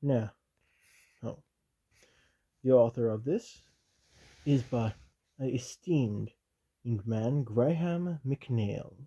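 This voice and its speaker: A stern, loyal commissar, as a man puts him on, reads an army handbook in whispered role-play. His low, mellow voice is soft and breathy, measured and officious, with dry little asides between the passages. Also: full character voice. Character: stern loyal male commissar reading aloud.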